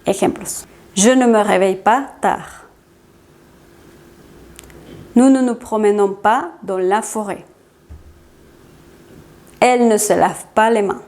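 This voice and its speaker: Slow, careful woman teaching French. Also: mid-range voice, a little mellow. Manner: slow, careful dictation of conjugations. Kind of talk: language lesson.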